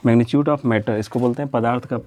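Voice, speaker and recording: A man's voice: medium pitch, normal speed, slight background noise. A man teaching a physics lesson in a lecture style, asking questions and answering them himself, repeating key terms as a drill. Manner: steady, explanatory, drills terms.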